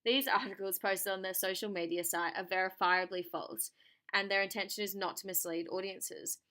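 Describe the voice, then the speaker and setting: A woman's voice: mid-range voice, steady tone, normal speed, bright, forceful tone. A young woman giving a scripted academic presentation as a student, reading formally from a prepared text.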